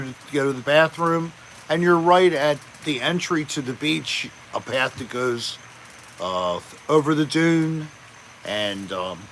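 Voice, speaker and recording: A man hosting a casual live chat, greeting viewers by name in a relaxed, chatty way. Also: mid-range voice, a little hiss or hum, low-quality recording. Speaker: livestream host.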